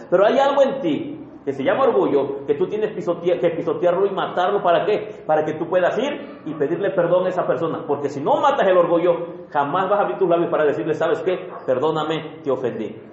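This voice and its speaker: A man's voice: high-pitched, expressive, brisk, darkish tone. A man preaching a sermon in a conversational way, often putting questions to the congregation. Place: church hall. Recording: roomy, dull church recording.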